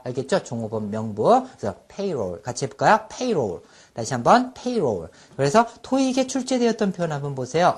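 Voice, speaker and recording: A husky-voiced man leads a recorded online vocabulary lesson. His pitch swings widely as he stretches each English word out slowly for students to repeat back. He checks in with short questions between points. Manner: drills words slowly and has students repeat them; checks in often with quick rhetorical questions.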